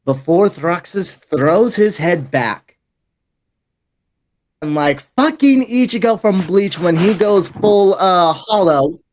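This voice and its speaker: Slow, lively-voiced man running a tabletop game. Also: high-pitched. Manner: unhurried, narrating with hesitant fillers. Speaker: dungeon master.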